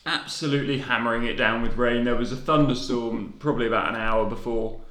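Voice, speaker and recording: A young man from England on a podcast, telling stories in a relaxed way with casual swearing. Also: medium pitch, a little fast. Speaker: podcast co-host. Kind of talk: casual chat. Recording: roomy echo.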